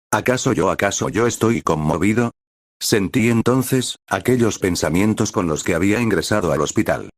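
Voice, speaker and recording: A man's voice: fairly low pitch, no room sound, studio quality. A man reading a fan fiction story aloud in the first person, with emotional, dramatic storytelling.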